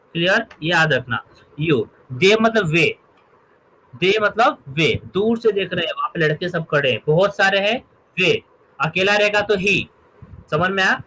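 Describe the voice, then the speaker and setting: A man teaches grammar in a high, bright voice. He works through examples and keeps asking whether his students have understood. There is a faint hum behind him. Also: poor audio. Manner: checks understanding often, explains by examples. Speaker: English teacher. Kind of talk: spoken grammar lesson.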